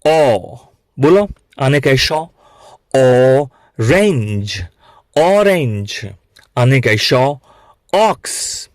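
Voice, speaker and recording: A man teaching English phonics to beginners, saying each sound slowly and asking learners to repeat it back. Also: a little high, dry recording. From Gujarat, India. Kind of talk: classroom lesson for beginners.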